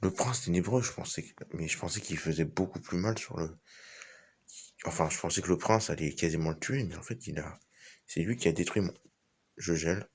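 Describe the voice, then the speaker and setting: A man's voice: low voice, fairly quick, slightly rough. A man giving casual, informal live commentary on a game as he plays, thinking aloud. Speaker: gaming video host.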